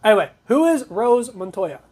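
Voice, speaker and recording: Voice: medium pitch, very animated, normal speed, darkish tone, slightly rough. A talk show host giving blunt, conversational news commentary, reading reports aloud with opinionated asides.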